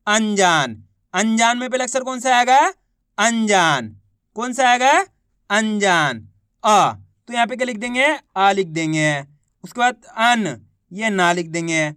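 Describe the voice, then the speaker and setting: A man's voice: high-pitched, animated, unhurried, sharp tone, clean tone, dry recording, studio quality. A man teaching beginners to read, sounding out words syllable by syllable and asking the viewer questions. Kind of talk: reading lesson for beginners.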